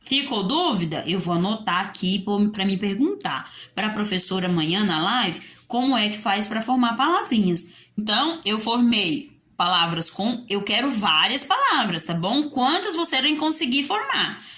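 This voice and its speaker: Woman, Brazilian Portuguese accent, primary school teacher, video lesson, sing-song, bright voice. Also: mid-range voice, very animated. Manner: slow, sing-song teaching voice, asks and answers pupils' questions. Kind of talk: video lesson for young children.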